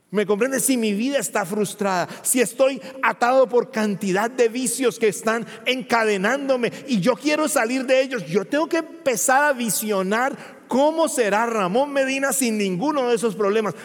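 A male pastor preaching emphatically, asking rhetorical questions and rising to loud peaks. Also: high-pitched. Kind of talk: sermon. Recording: long hall reverb.

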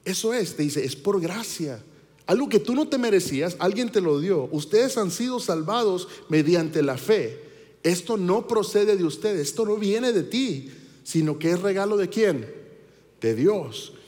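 A man's voice: high-pitched, animated, measured pace, darkish tone. A man preaching a conversational sermon, asking his congregation questions. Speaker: pastor. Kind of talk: sermon with stories and audience questions. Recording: long hall reverb.

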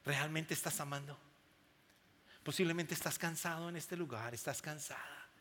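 A man's voice: a little high, moderate pace, pushed and bright, a little hiss or hum. A man preaching a sermon to a congregation, emphatic and full of questions to the crowd. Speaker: pastor. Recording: long hall reverb.

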